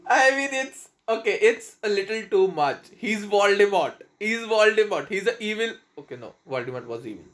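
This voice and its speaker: A young man in casual live movie commentary, excitable and swearing, whose voice goes thin and high when excited. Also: drawn-out words, hardly any pauses. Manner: excitable, swears often, laughs a lot. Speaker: movie reaction host.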